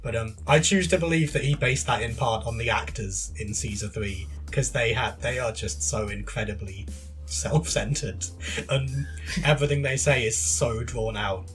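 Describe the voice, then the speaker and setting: A man's voice: mid-range voice, moderate pace, faint music behind. A man co-hosting a podcast in casual chat about video games, chatty and laughing often between sentences. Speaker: podcast co-host.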